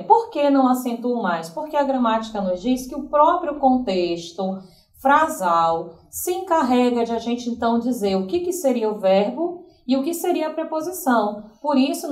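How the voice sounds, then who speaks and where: A woman teacher with a Brazilian Portuguese accent explaining grammar rules, repeating examples slowly and checking in with the class. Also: fairly high pitch, darkish tone. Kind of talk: recorded grammar lesson. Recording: roomy, from a distance.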